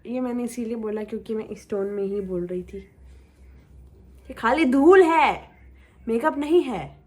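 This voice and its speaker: A woman's voice: medium pitch, brisk, warm tone. A young woman vlogger chatting casually and teasing her viewers in a playful, chatty way. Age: young adult. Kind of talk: casual chit-chat vlog.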